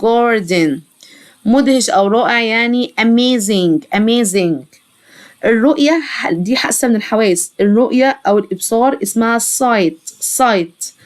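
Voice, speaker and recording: Egyptian woman teaching English words slowly. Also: on the high side. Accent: Egyptian Arabic. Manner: repeats each English word slowly several times. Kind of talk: vocabulary lesson for children.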